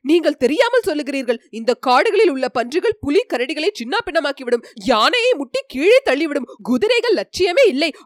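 Here is a jumpy young nobleman from a storybook, forever fretting and crying out in a high, strained voice that sits well above a normal man's, as a woman reads him. The recording is dry, with no room sound at all. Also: big pitch swings, fairly quick, few pauses, dry recording. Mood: panicked. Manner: shrill, panicky warnings. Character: fearful young nobleman, anxious and complaining.

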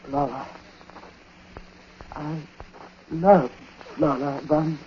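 An actor playing a dying, superstitious old uncle in a 1940s radio drama, speaking haltingly in short, weighty phrases. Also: male voice, on the high side, fairly even intonation. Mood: weary confession. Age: older. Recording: muffled, noisy 1940s radio recording.

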